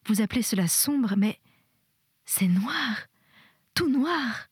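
A woman's voice: mid-range voice, moderate pace, darkish tone, slightly rough, no room sound, studio quality, voice pushed up. A woman reading a storybook voices a frightened, fragile young woman who cries out in terror and pleads desperately. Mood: terrified.

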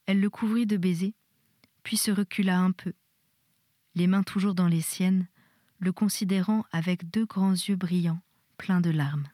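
A woman reading a novel aloud in a soft, intimate style, sometimes dropping to a whisper. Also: on the low side, steady tone, measured pace, no echo, studio quality. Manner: soft, intimate, drops to a whisper in tender passages. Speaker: reader.

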